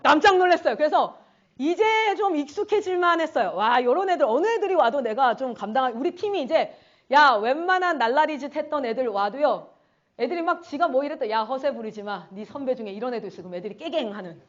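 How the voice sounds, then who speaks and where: Woman missionary preaching at a conference, high lively voice, acts out kids' lines, kinda muffled recording. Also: quick pace. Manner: animated storytelling, acts out students' voices. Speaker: missionary speaker. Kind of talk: conference sermon testimony.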